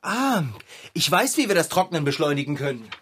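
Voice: medium pitch, very animated, a little fast, very noisy, lightly acted. An actor playing a patient, good-natured cat owner in a children's audio drama, talking in a teasing, easygoing way. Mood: helpful.

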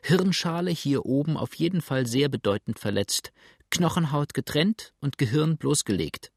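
A man playing a brisk, callous little doctor. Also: a little high, animated, breathy edge, dry recording, studio quality, pitched above the performer's own voice. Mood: clinical. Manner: clinical, eager, exclaiming. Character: small brisk callous male country doctor.

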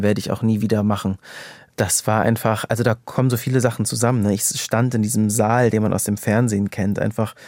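A man's voice: on the low side, darkish tone, dry recording, clean studio sound. A man chatting as a podcast guest, candid and rambling, with frequent fillers and restarts. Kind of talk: casual podcast conversation.

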